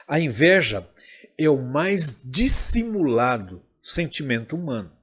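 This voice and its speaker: A man with a Brazilian Portuguese accent preaching a sermon as pastor, slow and emphatic, with a husky voice. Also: on the high side, very animated, fairly bright tone.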